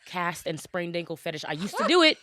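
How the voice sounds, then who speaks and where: A woman's voice: fairly low pitch, sing-song, a little fast, background noise. A woman with a Brooklyn, New York accent chatting casually as a podcast guest, slangy, emphatic and self-assured.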